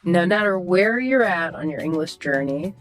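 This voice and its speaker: Low-voiced woman explaining on a podcast. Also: lively intonation, moderate pace, rough recording. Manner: explanatory, teacherly, affirming. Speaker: podcast co-host. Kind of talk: scripted podcast dialogue. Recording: soft music behind the voice.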